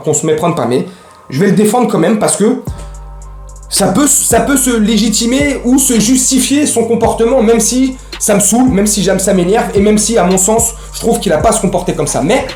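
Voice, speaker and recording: A man's voice: high voice, a little mellow, roomy sound. A man hosting a casual football fan vlog, ranting in slangy, rambling speech. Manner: slangy, heated, rambling with restarts.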